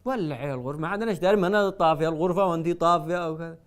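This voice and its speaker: A Yemeni-accented male comedy host with a high, clear voice. He talks fast and mocks his targets in a sarcastic tone. His volume swings from loud outbursts to hushed asides. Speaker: satirical show host. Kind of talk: satirical comedy monologue.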